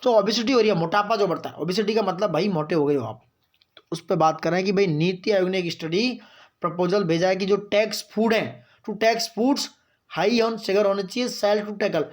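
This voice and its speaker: A man giving a current-affairs lesson for exam students, reading out points slowly and then explaining them in chatty asides, often checking that his students follow. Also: high voice. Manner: mixes in English phrases, reads slowly, explains in chatty asides; keeps asking "got it, friends?". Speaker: exam-prep teacher.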